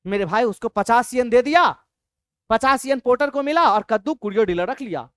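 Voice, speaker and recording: High-voiced woman teacher. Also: animated, moderate pace, no room sound, studio quality. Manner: repetitive, asks the class questions. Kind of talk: storytelling exam lesson.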